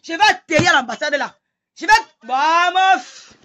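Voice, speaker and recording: A middle-aged woman with a Cameroonian French accent rants furiously on a live stream. Her voice sits high and sounds bright and piercing. She hurls insults and breaks into shouts. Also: animated, normal speed, a little hiss or hum. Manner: heated, insulting, shouting in bursts. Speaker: livestreamer. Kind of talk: angry live-stream rant.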